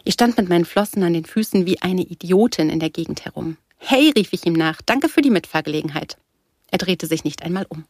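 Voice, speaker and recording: A woman reads a novel aloud in a low, gravelly voice, telling the story in the first person with lively storytelling. The recording is dry and close, with no room sound. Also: quick pace, hardly any pauses, no echo. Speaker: reader.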